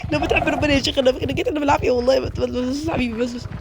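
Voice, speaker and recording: A man with an Egyptian Arabic accent giving excitable live gameplay commentary, chattering to viewers. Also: extremely high pitch, rapid-fire, gravelly, over loud music. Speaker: gaming video creator.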